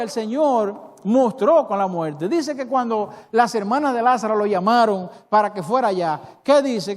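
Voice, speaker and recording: A male pastor with a Dominican accent preaching a sermon, emphatic and full of rhetorical questions to the congregation. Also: sits high. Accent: Dominican Spanish. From Dominican Republic. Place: church hall. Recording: reverberant church hall.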